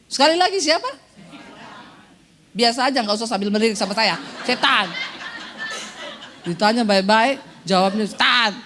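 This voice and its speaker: High-voiced teasing woman pastor. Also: animated, moderate pace, pauses often, sharp tone, slight background noise. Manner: playful, teasing the congregation, acts out quoted voices. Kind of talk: lively sermon.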